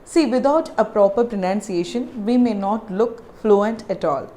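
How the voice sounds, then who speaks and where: A woman with a South Indian English accent teaching English pronunciation, repeating words slowly to demonstrate them. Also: medium pitch, dark tone. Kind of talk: spoken English lesson.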